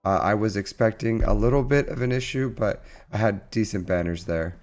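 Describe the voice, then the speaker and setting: A man who sounds under the weather, giving casual, halting gameplay commentary as the host of a gaming channel. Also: on the low side, a little mellow. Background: music.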